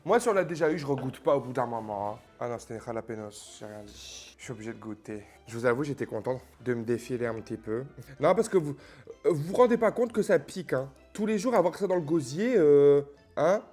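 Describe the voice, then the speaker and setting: A man's voice: mid-range voice, lively intonation, fairly quick, darkish tone, soft background music. A man chatting casually to his viewers in a joking, playful way while unboxing gifts. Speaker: youtuber opening advent calendars. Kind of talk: casual vlog chat to viewers.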